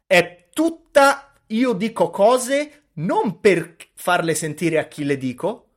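A man with a fairly high voice co-hosts a casual comedy podcast. His manner is irreverent and conversational. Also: expressive, slow pace. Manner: irreverent, acts out imagined quotes. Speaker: podcast co-host.

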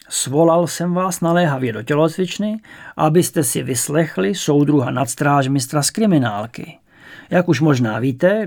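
A man's voice: on the high side, creaky, darkish tone. A man voicing a stern middle-aged school principal with a formal, commanding way of speaking, in an audiobook.

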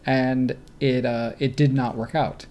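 A man with a Great Lakes American accent talks in a medium-pitched voice. He co-hosts a podcast, offering casual, conversational sports commentary. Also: flat delivery, unhurried, darkish tone. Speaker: podcast co-host.

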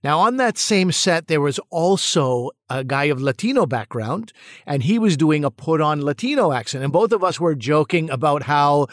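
A man's voice: on the high side, lively intonation, normal speed, no echo, studio quality. A male actor and comedian answering interview questions thoughtfully, often restarting and repeating words.

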